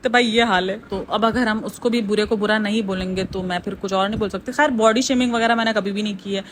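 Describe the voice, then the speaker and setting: A woman's voice: medium pitch, steady tone, quick pace, slight background noise. A woman from Pakistan giving casual reaction commentary on her channel, blunt and opinionated, speaking straight to her viewers. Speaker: reaction YouTuber.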